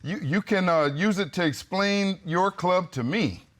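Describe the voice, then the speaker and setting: A man's voice: high voice, a little slow, fairly bright tone. A man presiding as a TV court judge, questioning people in a probing, controlled way.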